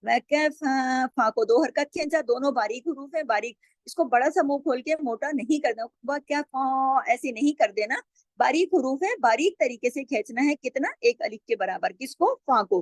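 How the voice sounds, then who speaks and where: A woman teaching the rules of Quran recitation, patiently explaining step by step and slowly drawing out example words. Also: sits high, no echo. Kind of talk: tajweed lesson with slow drawn-out example recitation.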